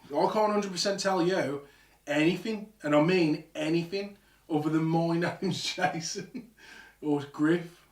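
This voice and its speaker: A man hosting a live ghost hunt at night, telling an animated, sweary story in casual talk. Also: on the high side, measured pace, recorded from a distance. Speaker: paranormal show host. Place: old house at night. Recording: echoey room, off-mic.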